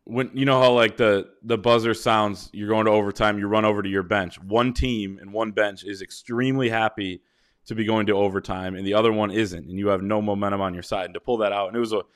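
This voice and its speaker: A man hosting a sports podcast, talking through basketball games in a measured, casual way with long, winding points. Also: lowish voice, fairly even intonation. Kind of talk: casual sports analysis chat.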